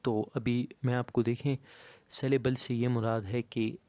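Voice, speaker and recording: A man teaching English grammar, explaining slowly and reading each example sentence aloud word by word. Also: mid-range voice, flat delivery, dark tone, no echo. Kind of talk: explaining a lesson to students.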